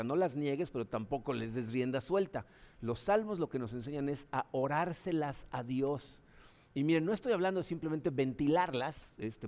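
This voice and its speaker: A man, a Mexican pastor, preaching a sermon in a conversational way, often tagging his sentences with a questioning "no?". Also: a little mellow. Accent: Mexican Spanish. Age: adult, father of children. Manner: conversational preaching, frequent "¿no?" tags; acts out voices with sudden high pitch jumps.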